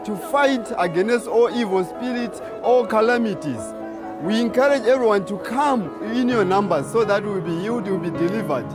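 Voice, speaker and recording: Fervent high-pitched guy praying loud, noisy crowd and music all around. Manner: emphatic, repeats phrases while praying aloud. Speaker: worshipper at an all-night prayer gathering. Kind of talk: fervent prayerful testimony.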